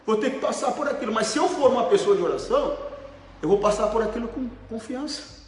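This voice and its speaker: A man's voice: extremely high pitch, lively intonation, quick pace. A middle-aged Brazilian man preaching a sermon as pastor, talking in an emphatic, conversational way and putting questions to the congregation. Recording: very echoey hall, faint noise.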